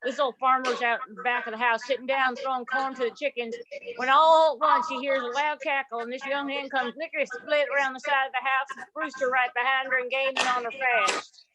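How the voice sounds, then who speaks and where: An actress playing a poker player spinning a folksy joke in a stage play. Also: female voice, high-pitched, little pitch movement, a little fast, natural voice. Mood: jokey. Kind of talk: stage play acting over a remote reading. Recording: muffled recording with crowd noise.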